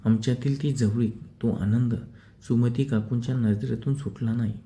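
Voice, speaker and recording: A man narrating a first-person story in a measured, steady reading style. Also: medium pitch.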